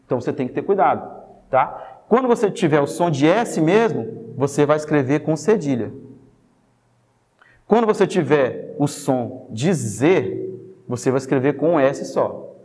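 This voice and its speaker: A Brazilian man with a slightly high voice teaches a spelling lesson in a lively, joking way. He keeps checking in with the class through quick tag questions. A long reverb trails each phrase. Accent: Brazilian Portuguese.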